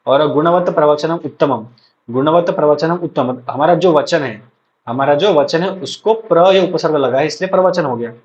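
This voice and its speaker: A man's voice: on the high side, moderate pace, darkish tone. A young man lecturing for an exam-prep lesson, drilling terms aloud for students to repeat and often checking in with them. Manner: frequent check-ins to students. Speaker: ayurveda college lecturer. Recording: dull lo-fi recording.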